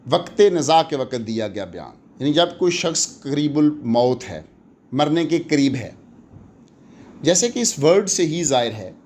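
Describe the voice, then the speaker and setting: A law lecturer with a Pakistani accent gives a didactic exam-prep lecture, explaining material and moving between Urdu and English. He poses questions and then answers them himself. His voice is a little high and a little mellow, with a slight hiss or hum in the audio.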